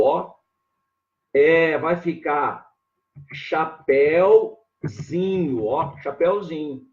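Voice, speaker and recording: A Brazilian man in a live online lesson, walking his viewers through spelling rules one step at a time. His voice sits a bit high for a man. The stream sounds dull and lo-fi. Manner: explains slowly, spelling words out, often saying "ó" and "tá?". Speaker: Portuguese teacher.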